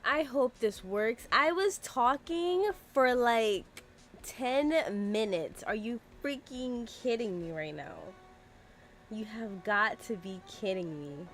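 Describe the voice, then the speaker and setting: A woman's voice: on the high side, animated, slow, faint music behind. A young woman streaming a game from her room, chatting on a desk microphone in a chatty, exasperated way, full of "like" fillers. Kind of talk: casual livestream chat. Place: room at home.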